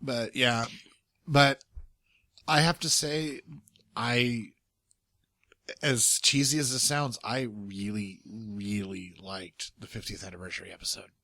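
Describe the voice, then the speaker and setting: A man's voice: mid-range voice, fairly even intonation, takes it slowly, gravelly, pauses often, sharp tone, dry recording. A young man co-hosting a casual podcast, rambling and hesitant with many restarts. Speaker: podcast co-host. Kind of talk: casual chat.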